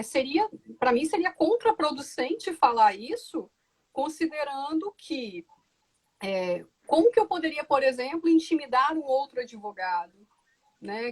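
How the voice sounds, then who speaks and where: A woman who works as a lawyer and law professor answers interview questions thoughtfully and with measure, frequently closing her phrases with "né?". Her voice is fairly high-pitched with a breathy edge.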